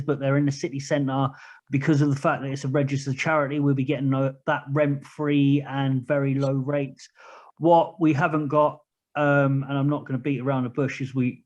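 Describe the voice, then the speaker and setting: A man in his thirties from England, with a southern English accent, speaks as a guest on a casual interview podcast; he's a charity project manager. His medium-pitched, darkish voice rambles candidly and plainly at length, captured in a muffled lo-fi recording.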